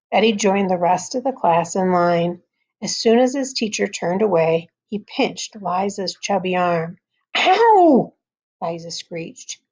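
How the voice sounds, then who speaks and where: Husky woman teacher reading aloud slowly. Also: medium pitch, darkish tone, lo-fi sound. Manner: slow, pauses to comment on the story. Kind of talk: reading a chapter book aloud.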